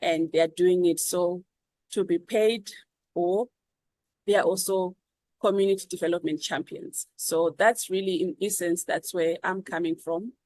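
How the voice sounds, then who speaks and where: A Zimbabwean-accented woman answering interview questions in an earnest, measured way, with many ums and repeats. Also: fairly low pitch, fairly even intonation, a little mellow, no room sound, poor audio. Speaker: guest.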